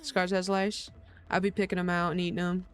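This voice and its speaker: A man's voice: high-pitched, flat delivery, brisk, fairly bright tone, clear, resonant tone. A man streaming a video game, chatting casually, joking, laughing often and swearing freely, tired after little sleep. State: tired after a long night.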